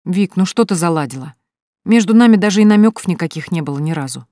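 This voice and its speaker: A woman's voice: fairly low pitch, lively intonation, quick pace, warm tone, no echo, studio quality, close to an everyday voice. A woman voicing a sensitive young woman who answers defensively and with indignation. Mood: indignant. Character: touchy, softhearted young woman.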